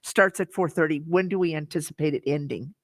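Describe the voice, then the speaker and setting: Female meeting participant, lower-than-average pitch, courteous, brief questions. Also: fairly quick. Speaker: school board meeting participant. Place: board meeting room.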